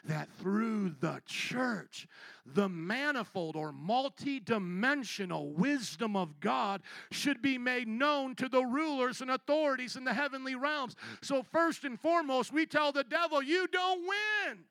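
A male pastor preaching a sermon, calling out to his congregation for responses and moving from low, quiet passages up to loud shouted peaks. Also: lively intonation, unhurried, creaky, dry recording.

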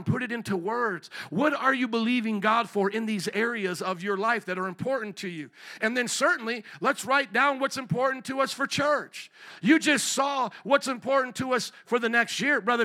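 Captured at the pulpit during a church service, a pastor in the sanctuary preaches in a high, bright, forceful voice. He pushes the congregation to respond through emphatic call-and-response.

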